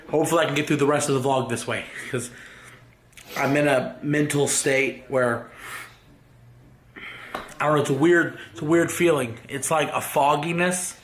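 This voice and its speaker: A man's voice: medium pitch, fairly bright tone, slight background noise. Young guy vlogging, choked up, stops and restarts a lot, roomy echo. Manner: halting, emotional, fighting back tears. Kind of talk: grieving personal vlog. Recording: roomy echo with faint ambience.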